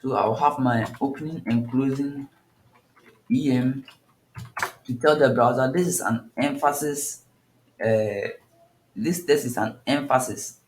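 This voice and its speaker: Slow, echoey male coding tutor. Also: mid-range voice, a little hiss or hum. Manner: unhurried, thinking aloud with frequent restarts. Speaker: coding instructor. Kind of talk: step-by-step screen tutorial. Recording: echoey room.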